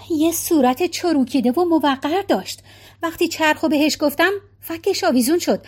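A woman's voice: high-pitched, a little mellow, natural voice. A woman reading the part of an impulsive, talkative wife who urges and pleads, raising her voice for her in an audiobook. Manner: urgent, pleading, rapid.

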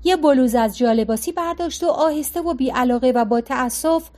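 High-voiced woman narrating a story. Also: darkish tone. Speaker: audiobook narrator. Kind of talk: scripted narration.

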